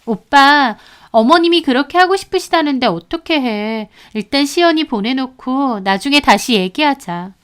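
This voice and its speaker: A woman's voice: high voice, animated, normal speed, fairly bright tone, clear, resonant tone, voice pushed up. A woman voicing a sly young stepmother in a storybook who speaks politely and makes excuses. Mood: coaxing.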